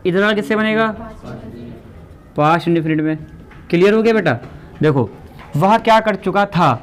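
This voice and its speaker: A man's voice: high voice, normal speed. A male teacher giving a classroom grammar lesson, explaining step by step and quizzing the class.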